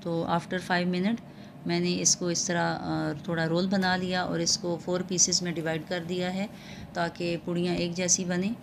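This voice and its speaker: A woman hosting a home cooking tutorial, explaining each step calmly with frequent pauses and filler sounds. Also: lowish voice, creaky, noisy background. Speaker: cooking channel host.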